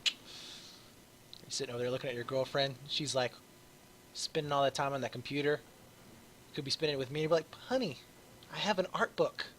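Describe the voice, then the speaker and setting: A man casting an online shooter match alone, joking between rounds and calling plays fast with sudden excited shouts. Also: medium pitch, a little hiss or hum. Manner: jokey asides, then rapid play calling with excited shouts. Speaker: esports shoutcaster. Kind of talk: solo play-by-play esports commentary.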